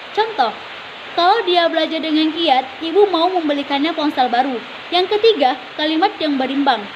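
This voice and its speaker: Young female student presenter, high voice, even reading, muffled hissy recording. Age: young adult.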